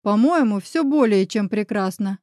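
A woman's voice: mid-range voice, lively intonation, normal speed, darkish tone, no room sound, clean studio sound, natural voice. A woman voicing a brash, sarcastic male lawyer friend in an audiobook. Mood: friendly. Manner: mocking, ironic.

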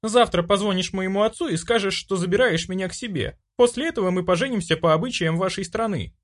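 A man's voice: sits high, fast talker, pitched above the performer's own voice. A man voicing a brash, self-assured young woman in an audiobook, bossy and pushy. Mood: indignant.

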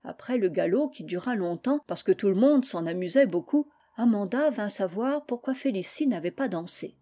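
A woman reading a classic children's novel aloud in a measured, even storytelling manner. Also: medium pitch. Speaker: audiobook reader. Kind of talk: scripted narration of a classic novel.

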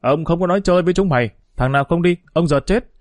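A man's voice: a little high, fast, dry recording, voice pushed up, close to an everyday voice. A man voicing a tough, protective young street boy with a hot temper, stern and threatening toward other children.

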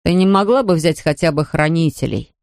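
A woman's voice: low-pitched, a little fast, vocal fry, darkish tone, no echo, studio quality. A woman reader voicing a sullen, mocking boy in an audiobook. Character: sulky sarcastic boy.

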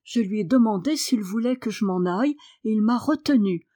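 A woman's voice: medium pitch, lively intonation, normal speed, dark tone, close to an everyday voice. A woman voicing a willful young girl who speaks firmly and earnestly. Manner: firm, earnest.

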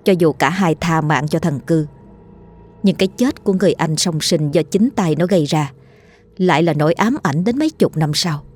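Woman reading a spooky story, low husky voice, calm and hushed. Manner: steady, hushed late-night storytelling. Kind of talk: scripted ghost story narration.

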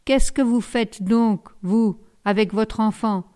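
A woman reading the lines of a gruff, suspicious hospital midwife in a storybook, curt and reproachful. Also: on the high side, steady tone, slow pace, warm tone.

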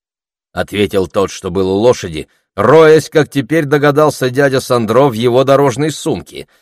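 A man narrating an audiobook in a calm, even storytelling manner. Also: medium pitch, normal speed, no room sound, clean studio sound. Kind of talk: scripted narration.

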